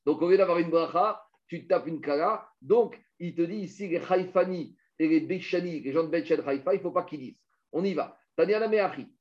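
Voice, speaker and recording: A man teaching a Talmud study class, explaining with lively energy and weaving in quoted Hebrew and Aramaic phrases. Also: on the high side, fairly quick. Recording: muffled lo-fi recording.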